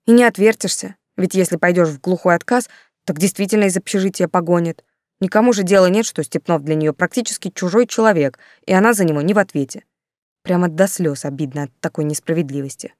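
Audiobook narrator: a woman, lively wry storytelling, dry close sound. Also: on the low side, quick pace, no echo. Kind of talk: scripted narration.

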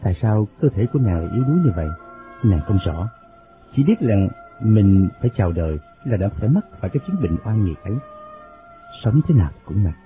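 A man reading a novel aloud in steady, measured narration. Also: fairly low pitch. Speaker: audiobook narrator. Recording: phone-like sound, faint music.

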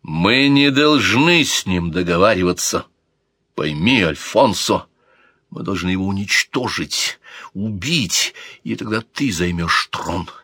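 Icy princess giving orders, slow and hard, a guy reading her lines, dry close sound. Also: sits low, animated, pushed and bright, breathy edge, dry recording, full character voice. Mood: cold. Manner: cold, icy, commanding. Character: stern proud princess, cold and commanding. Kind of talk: audiobook character voice.

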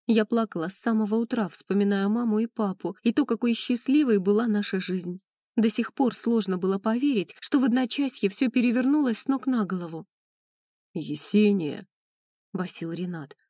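A woman's voice: fairly high pitch, brisk, mellow, no echo. A woman reading a first-person audiobook in an emotional, mournful way, close to the mic. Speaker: audiobook narrator.

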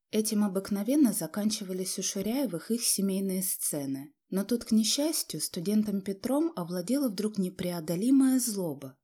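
Husky dark-voiced woman narrating. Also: mid-range voice. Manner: measured storytelling. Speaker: audiobook narrator. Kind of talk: scripted narration.

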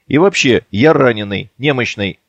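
A man's voice: mid-range voice, animated, moderate pace, dry recording, muffled recording. A man voicing a stubborn, wounded male warrior who grumbles and argues. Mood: grumbling. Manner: grumbling, argumentative.

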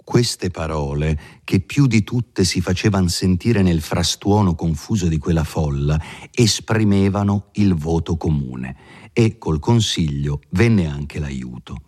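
A man reading a classic novel aloud in a measured, expressive way. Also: deep voice. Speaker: audiobook reader. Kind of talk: scripted literary reading.

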